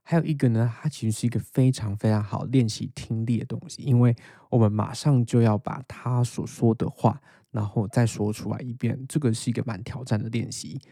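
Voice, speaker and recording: Low-ish, creaky and dark, the voice belongs to a young podcast host with a Taiwanese Mandarin accent, recorded with no echo. He calmly describes how he studies English, then practices by reading English lines aloud in a shadowing drill.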